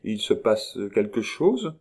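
A man's voice: medium pitch, a little slow, darkish tone, pitched above the performer's own voice, natural voice. A man reading aloud and voicing a sly young woman who poses as a princess and feigns innocence. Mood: innocent.

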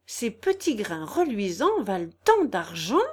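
A woman's voice: medium pitch, expressive, takes it slowly. A woman voicing a simple, naive male carpenter who speaks up with wonder in a storybook reading.

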